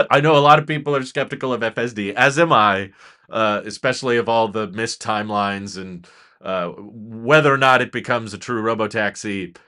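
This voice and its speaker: A young man hosting a live stream, chatting casually and reacting with animated enthusiasm and some skepticism. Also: mid-range voice. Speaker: host.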